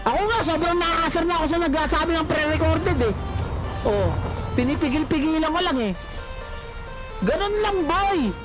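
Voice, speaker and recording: The voice sits high and moves at a moderate pace with frequent pauses as the streamer teases and mocks the chat with recurring jabs. Loud music plays in the background, over the voice.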